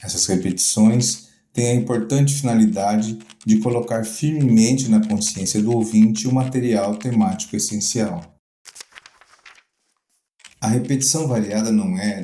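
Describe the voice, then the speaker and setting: A man narrating a scripted music theory lecture in a measured, deliberate academic way. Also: lowish voice, warm tone. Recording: roomy echo. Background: guitar music.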